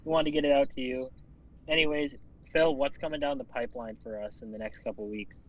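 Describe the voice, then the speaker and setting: A man's voice: mid-range voice, steady tone, fast, dull audio. A man co-hosting a casual podcast, easygoing and rambling, swearing now and then. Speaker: podcast co-host. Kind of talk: casual chat.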